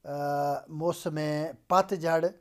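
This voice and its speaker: A man's voice: a little high, little pitch movement. A man lecturing in a recorded lesson over slides, repeating and translating each sentence step by step. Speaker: Persian lecturer.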